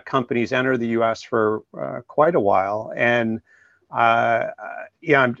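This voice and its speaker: A man's voice: medium pitch, fairly bright tone, no echo. Hesitant male podcast host, lo-fi sound. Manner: hesitant, many restarts and fillers. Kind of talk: interview hosting. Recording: dull lo-fi sound.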